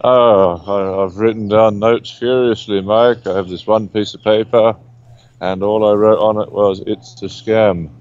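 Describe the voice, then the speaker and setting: A man's voice: fairly low pitch, steady tone, unhurried, a little mellow, smooth, dry recording. A man giving casual commentary as a remote guest analyst, wry and dryly humorous, over a muffled call line. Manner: wry, dry humour, says mate.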